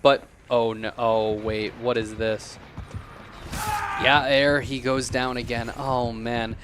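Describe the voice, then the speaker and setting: A man giving excited, analytical live commentary on a video game match as an esports caster. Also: medium pitch, slow pace, noisy background.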